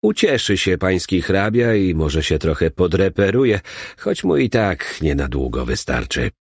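A man's voice: sits low, sing-song, unhurried, husky, no room sound, studio quality, full character voice. A man voicing a thin, shabby, middle-aged male hustler who lisps and talks in a pushy, wheedling way. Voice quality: lisping.

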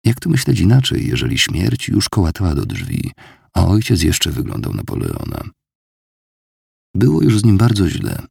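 A man narrating an audiobook in a measured, storytelling manner. His voice is deep and gravelly, with a lively rise and fall. The recording is close and dry. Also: no echo. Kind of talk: scripted narration.

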